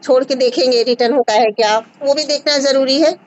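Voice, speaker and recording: A woman in her thirties hosts a live video call from a curtained room at home, calmly advising a caller on a skin remedy. Her voice is high-pitched at a moderate pace, captured lo-fi through a phone's front camera, and she reassures the caller with repeated short checks like "है ना?".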